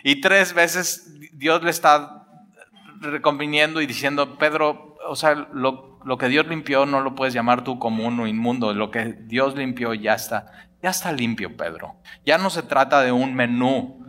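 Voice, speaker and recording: A man preaching a lively sermon, acting out dialogue in colloquial speech. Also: mid-range voice, moderate pace. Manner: animated, acts out dialogue, colloquial Mexican slang.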